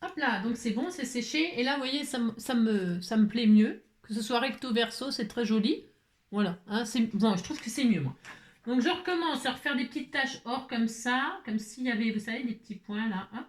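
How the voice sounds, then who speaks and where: A woman's voice: a little high, expressive, normal speed, roomy sound. Chatty woman thinking aloud over her crafts. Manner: chatty, thinks aloud, lots of "hein" and "voilà". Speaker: craft video host.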